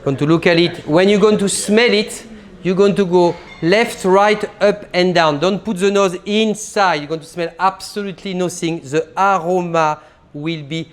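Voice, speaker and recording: A man, a sommelier leading a live champagne tasting class, talking in an animated way and explaining as he demonstrates, recorded in a private tasting room. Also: sits high, moderate pace.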